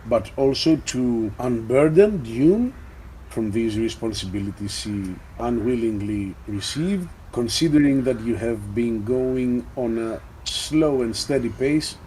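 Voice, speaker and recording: A man narrating a tabletop role-playing game as game master, measured and descriptive. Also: mid-range voice, animated, warm tone, slight background noise, low-quality recording.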